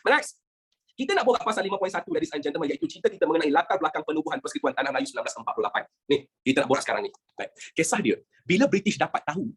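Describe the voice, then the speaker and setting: A history teacher with a Malaysian accent gives an animated lesson, firing rhetorical questions at students and mixing in English phrases. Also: mid-range voice, husky.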